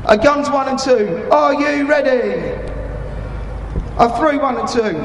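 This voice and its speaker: British male, very high pitch, slow procedural fire-order calls with raised voice, echoing arena PA. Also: far from the mic. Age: 30s. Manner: slow, deliberate, clipped procedural commands in a raised voice. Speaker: military display commentator giving fire orders. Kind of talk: formal radio-style call for fire. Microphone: microphone over public address. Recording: echoey arena PA, crowd and noise.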